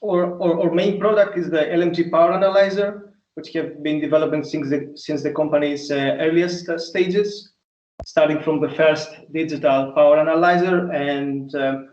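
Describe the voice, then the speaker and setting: A man working as an application engineer gives a halting, polite presentation over a video call. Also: a little high, steady tone, a little mellow. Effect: video call audio. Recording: echoey, distant, muffled video call.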